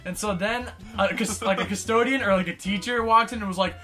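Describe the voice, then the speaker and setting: A man playing a party video game with friends, excitable and yelping, telling a rambling anecdote. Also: high-pitched, brisk. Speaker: guest player. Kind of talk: casual gaming chat and storytelling.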